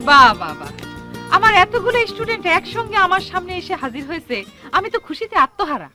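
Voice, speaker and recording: Woman playing a bossy high-voiced schoolteacher. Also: sing-song, quick pace, pushed and bright, faint music behind, heavily acted. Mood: prim, commanding. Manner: bossy and formal, demands respect. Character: strict, self-important woman village schoolteacher. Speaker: teacher.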